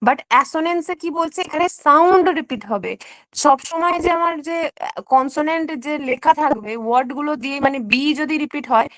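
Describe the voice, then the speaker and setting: A woman's voice: high-pitched, brisk, a bit bright, dry recording, low-quality recording. A woman teacher giving an online exam-prep lesson, explaining step by step, mixing in English terms and checking in often. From West Bengal.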